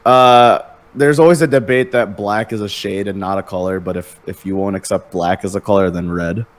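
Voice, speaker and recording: A man's voice: on the low side, steady tone, moderate pace. A young man as a podcast guest, chatting casually and telling laid-back stories, with the odd swear word. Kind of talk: casual chat.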